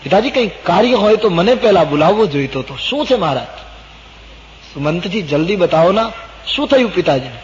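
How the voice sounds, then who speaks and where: A man voicing a young prince, a devoted son who pleads in a high, urgent voice. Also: normal speed, pauses often, slight background noise, natural voice. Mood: pleading. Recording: dull old recording in a reverberant hall.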